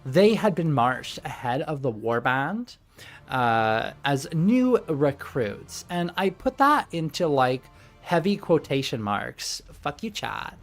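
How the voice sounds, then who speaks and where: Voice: mid-range voice, sing-song, slow pace, soft background music. A game master running a tabletop game, chatting and narrating in a profane, giggly way with a Valley Girl drawl. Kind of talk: casual chat and game narration.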